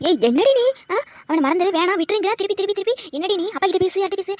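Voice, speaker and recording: A woman's voice: very high voice, a little mellow, a little hiss or hum. A woman voicing a middle-aged village mother in a cartoon drama, scolding and lamenting her daughter. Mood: angry. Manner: wailing, lamenting, fast scolding.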